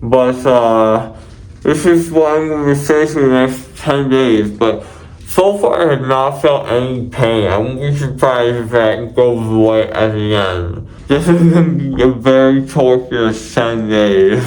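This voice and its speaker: A man's voice: mid-range voice, darkish tone. Groggy, muffled man just out of anesthesia. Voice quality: muffled, numb-mouthed speech with gauze in mouth. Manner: groggy from anesthesia, half awake and slow. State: dizzy and drowsy after surgery. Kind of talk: casual vlog to camera.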